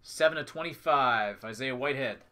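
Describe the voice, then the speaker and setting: Bright-voiced man announcing a card break. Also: mid-range voice, normal speed. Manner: clipped announcing in short phrases. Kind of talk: live card-break commentary. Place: indoors at a tabletop with a display backdrop.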